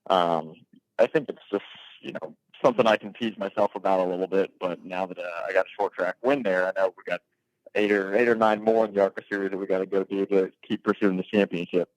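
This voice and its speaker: Young male guest, tired, modest, with a deep voice over a dry line. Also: dry recording, rough recording. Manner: modest, thoughtful answers. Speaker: guest race car driver. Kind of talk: phone interview.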